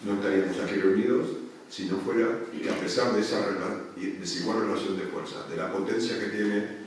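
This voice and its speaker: At a union headquarters meeting room, a deep-voiced Argentine man speaks on a panel at a public union event. His delivery is fairly quick and even in intonation, but hesitant, with many restarts and fillers. The room echoes, he stands far from the mic, and there's slight background noise.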